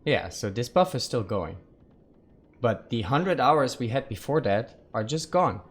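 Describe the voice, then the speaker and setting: A man's voice: mid-range voice, lively intonation, measured pace, a little hiss or hum. A man live-streaming a survival game, thinking aloud and chatting casually with his viewers.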